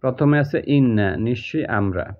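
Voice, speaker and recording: A man's voice: medium pitch, fairly quick. Man teaching over tinny phone-like audio. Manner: repetitive, step-by-step explaining. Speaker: Quran translation teacher. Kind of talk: recorded lesson explaining Arabic word by word.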